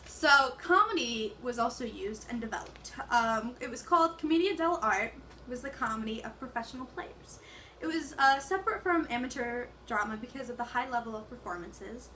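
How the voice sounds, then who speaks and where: A woman's voice: fairly high pitch, expressive, moderate pace, pushed and bright, slight background noise. A young woman giving a casual, hesitant class presentation, with many fillers. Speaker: student presenter.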